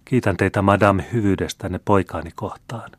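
A man voicing a dignified older countess, a calm noble mother, in an audiobook. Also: deep voice, dry recording.

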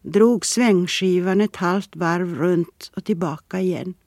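A reader giving calm, measured scripted narration of a literary story. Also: mid-range voice, no echo, clean studio sound. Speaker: audiobook reader.

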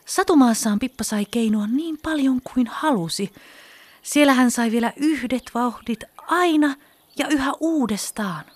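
A woman reading a children's story aloud, expressive and sometimes dropping to a whisper. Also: high voice. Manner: expressive, with hushed whispered passages.

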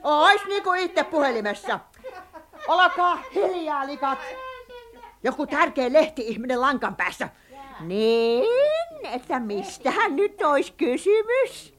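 An actress playing an excitable centuries-old witch who dotes on her cat, in a children's radio play, with a lilt. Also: high-pitched. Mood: bossy. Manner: giddy, boastful, bossy.

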